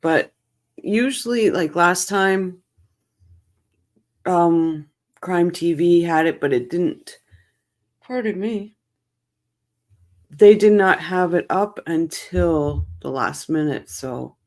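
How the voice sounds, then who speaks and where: A woman's voice: fairly low pitch, slow, pauses often, a little mellow. A woman hosting a casual livestream, greeting chat viewers by name with a tired morning voice. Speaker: livestream host.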